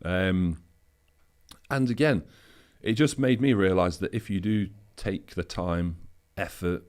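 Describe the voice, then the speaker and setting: Guest spot: a man with a very low voice, relaxed anecdotal talker. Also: slow, smooth. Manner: easygoing anecdotal storytelling, loose with fillers. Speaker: bodybuilder guest. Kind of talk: casual interview chat.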